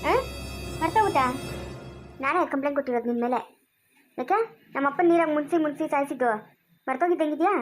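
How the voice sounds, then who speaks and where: A woman's voice: high-pitched, fast talker, pauses often, faint music behind, natural voice. A woman playing an angry vengeful young son. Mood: accusing. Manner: accusing.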